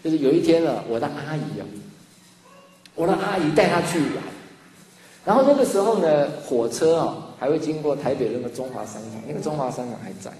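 A man's voice: a little high, fairly quick. A man preaching a sermon as pastor, telling stories animatedly and acting out dialogue. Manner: animated storytelling, acts out dialogue. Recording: echoey hall with faint ambience.

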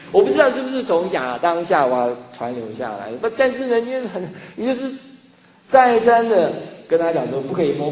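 A man preaching a sermon as pastor, telling stories animatedly and acting out dialogue. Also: a little high. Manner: animated storytelling, acts out dialogue. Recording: echoey hall with faint ambience.

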